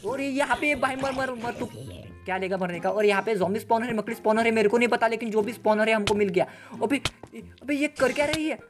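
Fast-talking excitable gaming host. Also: male voice, extremely high pitch, over music. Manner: excitable, full of slangy exclamations. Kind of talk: Let's Play gameplay commentary.

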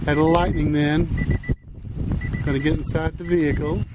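A man giving casual, unscripted commentary on a field video, speaking haltingly. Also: on the high side, level tone. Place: moving car and open roadside. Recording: very noisy vehicle and outdoor field recording.

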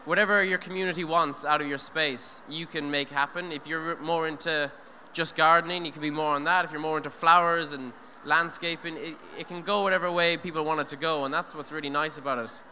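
Speaking at an eco event, a young Irishman stands on stage in a large hall with a handheld mic. His high-ish voice holds a steady, sharp tone as he talks briskly with hardly any pauses, earnestly rambling through restarts and "you know". The sound has long hall reverb and faint background noise.

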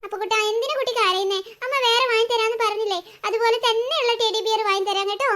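A woman voicing a gentle coaxing cartoon mom. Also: extremely high pitch, quick pace. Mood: soothing. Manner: soothing, coaxing. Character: gentle patient young mother. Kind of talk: cartoon voice acting.

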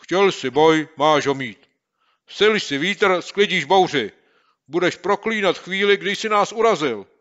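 A man's voice: medium pitch, expressive, fairly bright tone, dull audio, voice pushed up, natural voice. A man voicing a bold, scheming schoolboy sleuth who speaks with raised, emphatic delivery in an audiobook. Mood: threatening. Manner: emphatic, declaiming threats. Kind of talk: audiobook character voice.

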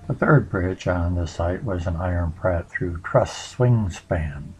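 Deep-voiced man narrating local history. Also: breathy edge, faint music behind, rough recording. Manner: relaxed, conversational, with frequent filler pauses.

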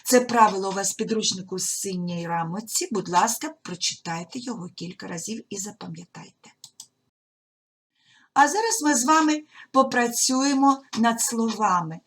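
A woman teaching a primary school language lesson on video, sounding out words slowly and carefully as if dictating. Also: medium pitch, lively intonation, husky. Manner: slow, careful dictation-like articulation, stretching out words.

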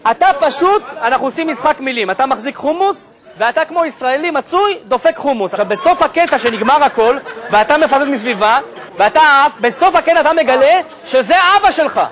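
Comedian for stand-up crowd work: man, very high voice, teasing and bossy, over a loud live audience. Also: lively intonation. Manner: teasing, bossy director banter. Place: stage before a live audience. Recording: live show with audience noise.

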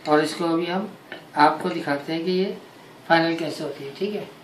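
A man's voice: fairly high pitch, moderate pace. A man in his forties co-hosting a home cooking demo, chatting and repeating tips for viewers. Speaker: cooking channel co-host. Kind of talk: casual cooking demo chat. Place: home kitchen. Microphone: far camera. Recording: roomy kitchen sound from a distance, faint noise.

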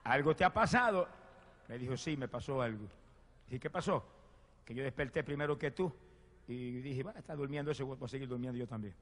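A man preaching a sermon and telling his own testimony, fervent, swinging from loud exclamations to hushed storytelling. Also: medium pitch, fairly quick. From Puerto Rico. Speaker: evangelist preacher. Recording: long hall reverb.

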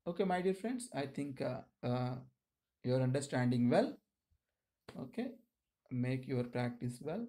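Slow-paced Indian man dictating. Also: mid-range voice, lively intonation, mellow. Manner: deliberate dictating delivery in short measured phrases. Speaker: shorthand dictation instructor. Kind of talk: instructional talk and slow dictation for students.

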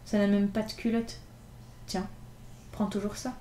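A woman's voice: mid-range voice, little pitch movement, a little slow, warm tone, slight background noise, close to an everyday voice. A woman voicing a cheeky, ragged street boy from old Paris, mock-grand and teasing. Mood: gentle. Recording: echoey room.

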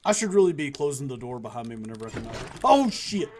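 A man's voice: medium pitch, lively intonation, rapid-fire, a little mellow. A man streaming a horror game, chatting jumpily and teasing the characters he meets, with the odd swear. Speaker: gaming streamer. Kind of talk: let's play commentary.

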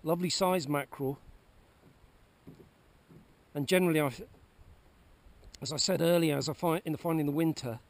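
A man's voice: on the high side, fairly even intonation, normal speed, gravelly, pauses often. Chatty man fishing from a kayak. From Cornwall, UK. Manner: chatty, repeats words and restarts while explaining. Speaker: kayak angler presenting a fishing video. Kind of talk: casual outdoor how-to narration. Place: on a kayak out at sea, outdoors. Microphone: action camera mounted on the kayak.

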